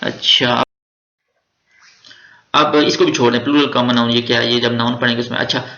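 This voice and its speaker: A man's voice: medium pitch, fairly even intonation, brisk, pushed and bright. A man with a Pakistani Urdu accent touched with Punjabi, giving a chatty step-by-step exam-prep grammar lecture with joking asides. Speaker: teacher. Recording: roomy, dull lo-fi recording.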